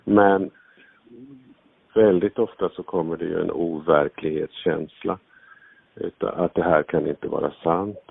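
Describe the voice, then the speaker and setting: A man calmly explaining in a measured way, with small restarts. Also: deep voice, vocal fry, no room sound. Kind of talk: calm explanatory commentary. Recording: tinny dry phone-like sound.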